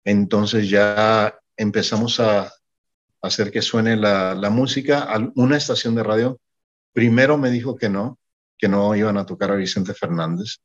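A Mexican music promoter with a lowish, unhurried voice tells stories from his career during an interview, animatedly acting out the conversations he recalls. The audio is dull.

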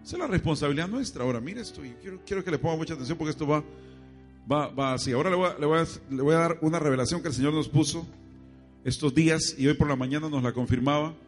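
A man preaches an evangelical sermon, telling animated stories and speaking directly to his congregation. He's a fast talker with a voice on the high side, and faint music plays behind him.

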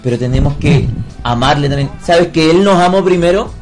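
A man's voice: on the high side, fairly quick, a little mellow, faint music behind. A man with a Chilean accent co-hosting a youth show, teasing a guest and talking earnestly about faith. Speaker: co-host. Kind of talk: casual chat turning to preaching.

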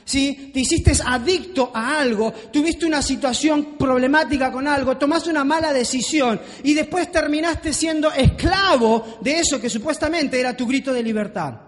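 A man's voice: very high voice, moderate pace, few pauses. A man preaching a sermon to a congregation in a church hall, driving his points home with repeated rhetorical questions. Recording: long reverb of a large hall.

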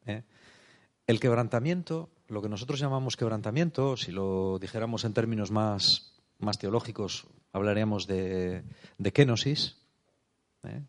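A man giving a thoughtful spiritual talk, often checking in with "eh?" and "no?". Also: fairly low pitch. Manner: thoughtful, unhurried, tag questions like "eh?" and "no?". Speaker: preacher.

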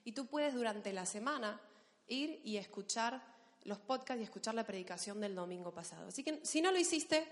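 A woman's voice: on the high side, animated, moderate pace. A woman pastor from Argentina with an Argentine accent, preaching playfully and addressing the congregation directly. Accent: Argentine Spanish. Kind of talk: sermon. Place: church hall. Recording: echoey church hall.

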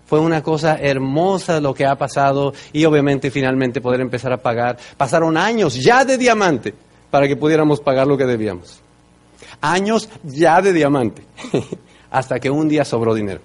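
Mexican man, middle-aged, motivational speaker, emphatic storytelling, loud then hushed. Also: fairly quick. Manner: emphatic, swings from loud bursts to soft low asides. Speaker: speaker at a business event.

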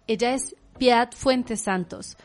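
A woman's voice: on the high side, takes it slowly. A woman from Mexico, hosting a wellness podcast with an upbeat presenter delivery. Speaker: podcast host. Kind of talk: scripted intro and interview.

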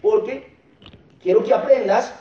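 A man's voice: extremely high pitch, measured pace. A man giving a motivational stage talk at a business convention, joking and firing rhetorical questions at the crowd. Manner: jokey, keeps asking the crowd rhetorical questions. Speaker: network marketing leader speaking at a convention. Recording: echoey, dull hall sound from far off.

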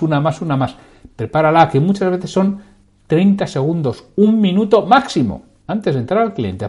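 A sales trainer leads a lesson in a lively, swinging voice that sits a little high for a man. His tone is warm and mellow. He asks rhetorical questions and then answers them himself, speeding up and slowing down on purpose. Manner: animated, shifts pace, pitch and loudness on purpose.

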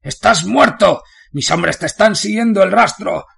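A man voicing a drunk, cowardly male prison warden who speaks in a shrill, gasping, husky voice. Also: unhurried, a bit bright, exaggerated voice. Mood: panicked.

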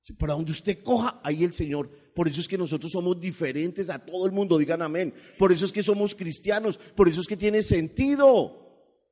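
Man, pastor, animated sermon, emphatic bursts and quiet asides, fairly high voice, long hall reverb. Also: normal speed.

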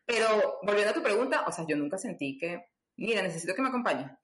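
A woman's voice: mid-range voice, lively intonation, fast talker. A woman telling a personal story, chatty, with many fillers and acted-out dialogue. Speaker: guest. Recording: roomy echo.

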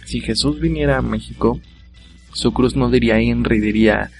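Gravelly Mexican man joking on a podcast. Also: medium pitch, normal speed, a little mellow, faint music behind. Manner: joking, laughs at own jokes; casual, slangy. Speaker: podcast host. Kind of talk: solo comedic podcast monologue.

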